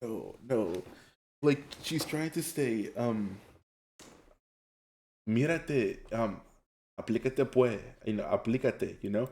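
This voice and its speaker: A man's voice: medium pitch, slow, long pauses, darkish tone, slight background noise. A man chatting casually, rambling and hesitant, with many fillers. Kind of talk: casual chat.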